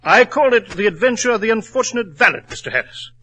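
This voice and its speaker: An actor playing a genial British doctor who courteously recounts detective memoirs, in 1940s radio drama style. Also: male voice, high-pitched, expressive, fast, sharp tone, slight background noise, poor audio. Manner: courteous, formal. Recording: old radio broadcast, faint music behind.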